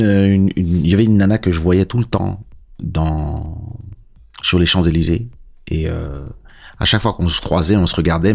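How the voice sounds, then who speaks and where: Very deep gravelly-voiced man. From Congo, raised in France from age seven. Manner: relaxed and unhurried, pauses with filler sounds. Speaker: musician hosting a livestream Q&A. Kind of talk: casual livestream chat reading viewer questions. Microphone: dynamic podcast-style microphone.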